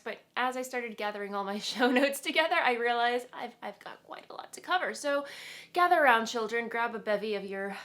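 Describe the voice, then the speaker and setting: A woman's voice: on the high side, a bit bright. A woman with a stuffy, nasal voice from a cold talks straight to her viewers as host of a craft podcast. She chats casually, rambling a little with plenty of ums and small laughs. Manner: chatty and rambling, with fillers and laughs. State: congested from a cold. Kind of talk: casual chat to camera.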